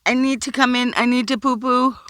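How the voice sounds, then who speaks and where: A woman's voice: on the high side, fairly even intonation, a little fast, background noise. A sleep-deprived woman vlogging from inside a car, giggly and rambling as she talks to herself. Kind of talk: casual vlog talk.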